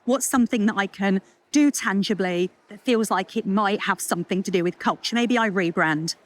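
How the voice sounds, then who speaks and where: A woman giving a chatty, lively conference talk, full of jokes and asides. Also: mid-range voice, normal speed. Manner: lively, chatty, self-deprecating with puns and asides. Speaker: culture consultant speaker. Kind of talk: conference talk to a live audience.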